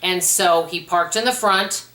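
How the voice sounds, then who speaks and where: A chatty woman answering viewer questions at home in a casual vlog, telling stories in a lively way. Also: fairly low pitch, measured pace. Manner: chatty, animated storyteller. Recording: roomy echo.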